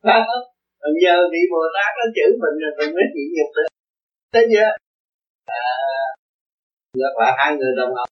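A man's voice: on the high side, expressive, a little fast, pauses often, dull audio, soft background music. A man teaching as a Buddhist teacher in an earnest dharma talk, often checking that his listener understands. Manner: earnest, repeating questions like "see?".

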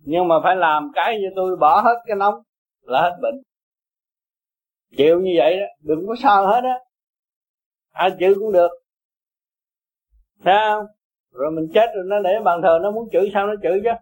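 A man teaching Buddhism in a high, carrying voice. He talks bluntly and emphatically, pushing and coaxing his listeners by turns. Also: normal speed, pauses often, poor audio. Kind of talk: blunt Dharma talk to followers.

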